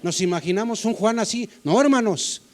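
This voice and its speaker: A man's voice: high voice, animated, moderate pace. A man preaching a sermon in a church as the pastor, in a conversational way, often asking the congregation questions.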